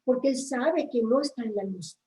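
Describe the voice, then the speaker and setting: A woman's voice: fairly high pitch, normal speed, darkish tone, roomy sound, far from the mic, slight background noise, poor audio. A woman from a church ministry, reflecting on faith in a casual chat and checking for agreement with tag questions.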